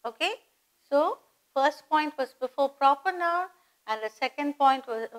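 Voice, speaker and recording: Slow, high-voiced woman teaching grammar. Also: fairly bright tone, rough recording. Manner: slow and deliberate, spelling words out and asking rhetorical questions. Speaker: English teacher. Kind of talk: grammar lesson for exam students.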